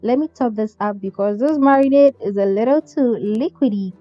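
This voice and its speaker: A woman's voice: on the high side, moderate pace, no echo. A woman hosting a cooking tutorial, talking the viewer through each step in a chatty way and often checking in with "okay?". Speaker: cooking channel host. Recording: slightly dull sound with faint music.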